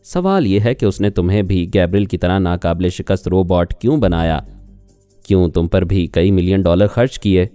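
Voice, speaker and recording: A man voicing a calm male telepath who reasons patiently on the phone, in an audiobook reading. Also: low voice, smooth, no room sound, soft background music. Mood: persuasive.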